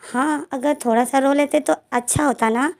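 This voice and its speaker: Woman doing a shy, teasing young man in a storybook read-aloud, light replies, higher pitch, mellow. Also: fairly even intonation, moderate pace. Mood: playful. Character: young man, shy, playful, easily tearful.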